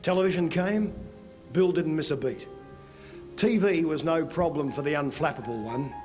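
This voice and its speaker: A man reads a scripted television narration in a steady, measured way. His voice is slightly higher than most men's. A faint music bed runs quietly behind him.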